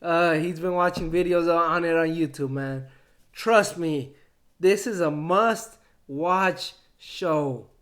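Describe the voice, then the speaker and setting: Male vlogger with a high voice, eager, rambling recap with frequent laughs. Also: slow. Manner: excited, chatty, retells scenes, laughs often. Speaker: wrestling show reviewer. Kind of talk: casual spoken review.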